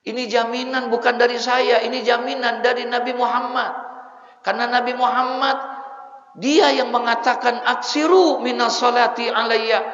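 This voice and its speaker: A male Islamic preacher telling a story in a sermon, animated and acting out the dialogue. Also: very high-pitched, moderate pace. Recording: echoey hall, dull lo-fi sound.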